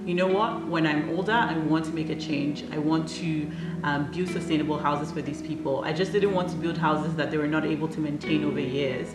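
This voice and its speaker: A young woman giving an earnest, measured documentary interview, pausing often with ums. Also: deep voice, steady tone. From Nigeria. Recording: roomy sound with loud music underneath.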